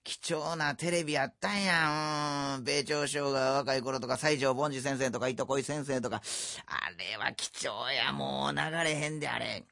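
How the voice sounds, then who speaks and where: A man's voice: medium pitch, fairly even intonation, normal speed, gravelly, sharp tone, no echo, studio quality, pitched above the performer's own voice. A man playing a blunt, offhand old comedy master from Kansai. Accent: Kansai Japanese.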